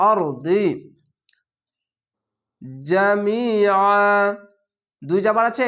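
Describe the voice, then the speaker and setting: A man teaching Quran reading, spelling out each syllable and drawing the words out in slow chanted recitation between plain explanations. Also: high-pitched.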